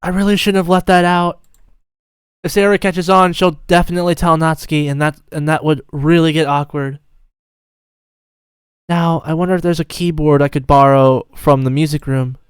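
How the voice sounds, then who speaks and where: A man's voice: a little high, level tone, normal speed, smooth, dry recording, clean studio sound, close to an everyday voice. A man doing a chirpy teen girl club president. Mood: anxious. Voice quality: raised girlish voice.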